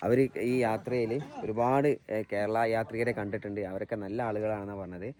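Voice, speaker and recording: Speaking Malayalam peppered with English, this male travel vlogger casually narrates while showing places around. His fairly low voice carries a Malayali accent, and his tone stays steady, a little fast and slightly mellow.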